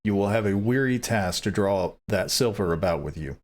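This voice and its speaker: A man's voice: on the low side, lively intonation, moderate pace, darkish tone, lightly acted. Hans, a cheerful simple lad, read by a man. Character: simple, cheerful young male servant.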